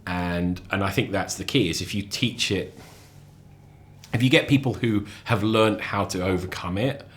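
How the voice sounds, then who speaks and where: A man chatting as a podcast guest, lively and animated, often repeating and restarting his words. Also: moderate pace. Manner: animated storyteller, acts out quotes with sudden high voices. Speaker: lecturer. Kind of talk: casual chat.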